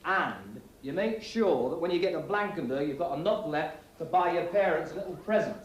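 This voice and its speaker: An actor playing a middle-aged schoolteacher, strict but joking, with an emphatic, lively delivery in a 1980s TV drama. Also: male voice, fairly high pitch, moderate pace, a little hiss or hum, close to an everyday voice. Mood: stern, teasing. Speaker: schoolteacher briefing his pupils. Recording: roomy TV soundtrack with music behind.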